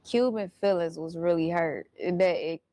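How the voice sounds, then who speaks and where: A woman's voice: lowish voice, unhurried, dark tone, no echo. A woman telling a personal story in casual, blunt, profane street slang. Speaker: storyteller recounting her experience.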